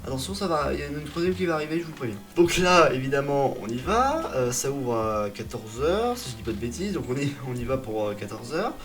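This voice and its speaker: A man's voice: medium pitch, very animated, fairly quick, hardly any pauses, a bit bright, faint music behind. A young man telling a personal story in a comic vlog style, dramatic, exaggerated and self-mocking. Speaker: vlogger.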